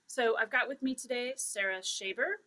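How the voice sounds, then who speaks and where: A woman's voice: a little high, moderate pace, bright, forceful tone. Upbeat woman hosting a podcast. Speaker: podcast host. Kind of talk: casual interview.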